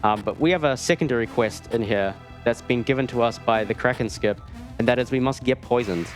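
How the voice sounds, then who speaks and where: At a streamed gaming marathon, a man plays a video game while giving casual live commentary, full of wry asides and sentences he breaks off. His voice is medium in pitch and fairly quick, with the game's music playing behind him.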